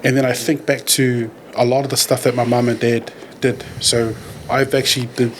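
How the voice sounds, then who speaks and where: A man talks things through in a candid, reflective way. His voice sits at a middle pitch, and he often circles back to find the right words. Faint background noise hums under the conversation. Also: level tone, moderate pace. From New Zealand. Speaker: podcast guest, community worker.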